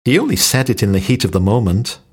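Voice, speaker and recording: A man's voice: lowish voice, very animated, fast talker, husky. A man reading short everyday phrases one by one for learners, acting out the intonation of each sentence. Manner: reads short stand-alone sentences, each with its own acted intonation. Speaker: phrase reader.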